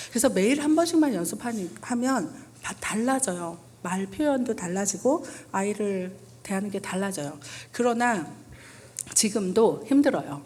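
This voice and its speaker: A woman's voice: medium pitch, a little mellow, breathy edge. A woman in her forties, a pastor's wife, speaking earnestly to a church parents' meeting and acting out lines between parent and child. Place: church hall.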